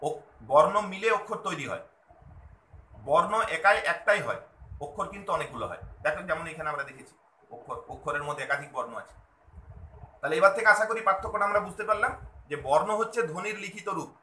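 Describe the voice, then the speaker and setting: Man, patient teacher, repeats each point, high pitch, echoey room. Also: expressive, fast, pauses often, sharp tone. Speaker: language teacher. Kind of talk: explanatory grammar lesson.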